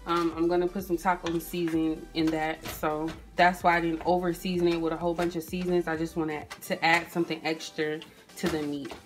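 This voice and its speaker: A woman's voice: lowish voice, little pitch movement, a little fast, faint music behind. A woman, chatting casually as she walks viewers through a recipe in her home kitchen, recorded on a phone camera. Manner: chatty, addresses viewers as "you guys" and "y'all", frequent "um". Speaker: cooking vlogger. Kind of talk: casual cooking tutorial narration. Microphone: phone camera at the stove.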